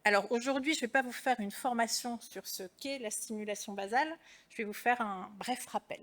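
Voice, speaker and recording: A woman, a clinical psychologist and trainer, giving a conference presentation in a measured, structured way. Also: a little high, a bit bright.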